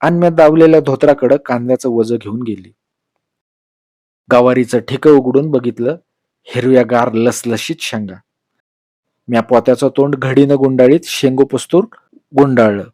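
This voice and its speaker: A man's voice: mid-range voice, dry recording. Man reading a story, dry close sound. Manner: measured, expressive narration in rural dialect.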